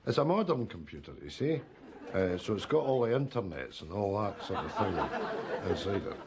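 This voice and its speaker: A doddering old cartoonist with a low, gravelly voice that swings up and down as he talks. He stumbles, restarts and fills gaps in a rambling, hesitant way. It is a mockumentary sketch with a faint hiss behind him. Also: sing-song, normal speed. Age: older. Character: bumbling old male comic-strip cartoonist, rambling.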